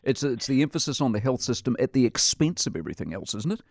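Man, middle-aged, New Zealand accent, talk radio host, blunt, opinionated, quick, dry studio sound. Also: mid-range voice, big pitch swings, no echo.

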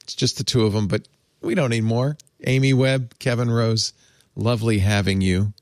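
A man's voice: mid-range voice, fairly even intonation, moderate pace, no room sound, studio quality. A man hosting a casual tech panel, chatty and emphatic, laughing often. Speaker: podcast host.

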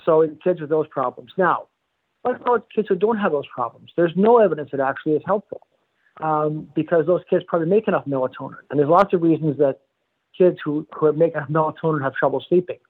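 Brisk male medical expert, slightly high voice, tinny phone-line sound, careful and explanatory. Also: husky. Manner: measured, explanatory, self-correcting. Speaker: pediatrics and pharmacology professor. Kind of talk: phone interview.

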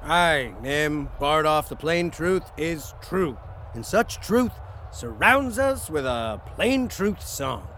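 A man's voice: fairly high pitch, animated, takes it slowly, a bit bright, slight background noise, full character voice. A man playing a comic cowardly soldier in Shakespearean stage style, theatrical and whining when he begs. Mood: sing-song.

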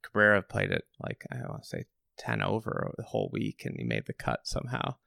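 A man's voice: lowish voice, big pitch swings, fairly quick, vocal fry, bright, forceful tone, no room sound, studio quality. A man interviewing in a casual golf chat, speaking conversationally and with knowledge of the sport.

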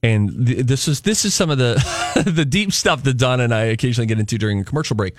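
A man's voice: mid-range voice, lively intonation, fast talker, no room sound, faint music behind. Earnest man on studio mic, dry sound. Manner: earnest, reflective, builds to preachy emphasis. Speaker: radio show co-host. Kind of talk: casual talk-radio chat.

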